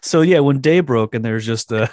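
A man's voice: medium pitch, normal speed, darkish tone, no echo. A man co-hosting a casual chat, reading a post aloud with crude jokes and frequent laughs. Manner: crude joking, laughing often. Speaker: podcast co-host.

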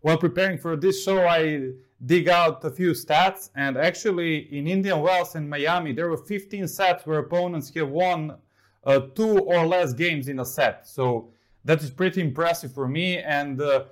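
A man from Serbia, a sports journalist co-hosting a casual talk show, speaking in a measured, analytical way with frequent fillers. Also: a little high.

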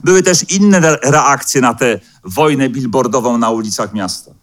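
A pastor preaches a sermon in a church hall, speaking in a measured way and slowing down when quoting scripture, with the occasional hesitant filler. His voice is medium-pitched and a bit bright.

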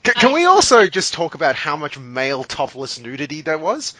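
A man co-hosting a casual film chat, animated and laughing, sometimes trailing into mumbled asides. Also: fairly high pitch, a little fast, dry recording. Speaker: podcast co-host.

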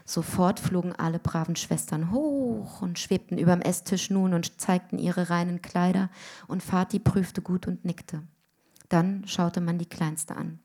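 A woman reading a literary story aloud in a rhythmic way, often dropping to hushed tones. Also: lowish voice, a little slow. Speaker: reader.

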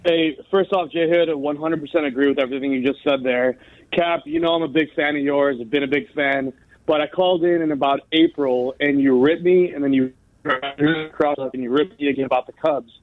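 Male caller, earnest and pushy, slightly high voice, on a crackly phone line that breaks up. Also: steady tone, a little fast, no echo. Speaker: caller to sports radio show. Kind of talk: casual call-in chat.

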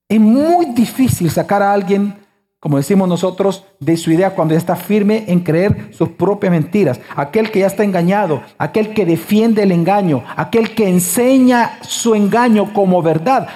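High-voiced male pastor preaching emphatically. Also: darkish tone. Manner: emphatic preaching with rhetorical questions to the congregation. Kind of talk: sermon.

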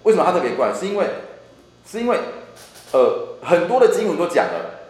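A man's voice: sits high, big pitch swings, fairly quick, darkish tone. A man teaching a church Bible class, repeating and restarting phrases as he explains. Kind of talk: Bible study lecture. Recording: echoey room, faint hum.

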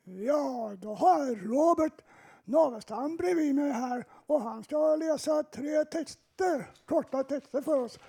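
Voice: high-pitched, vocal fry, dark tone. An event host briefly introducing a performer. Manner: brief, announcing.

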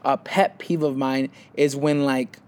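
A man's voice: medium pitch, unhurried, clean tone. A young man co-hosting a casual chat podcast, telling stories and acting out what people said. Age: young adult. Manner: animated storytelling, acts out quotes. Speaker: podcast co-host.

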